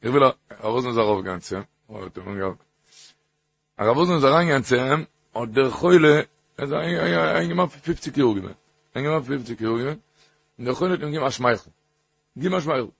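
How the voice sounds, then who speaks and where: Man, husky voice; halting, repetitive Torah talk that swings into sing-song emphasis. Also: medium pitch, dry recording. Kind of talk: Yiddish-flavored Torah talk with stories.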